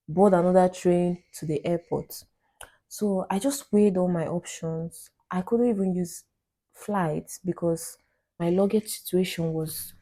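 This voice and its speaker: A woman's voice: on the low side, mellow. A young adult woman, chatting through a storytime vlog in an emphatic, conversational way. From Nigeria. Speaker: vlogger. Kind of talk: storytime narration to camera.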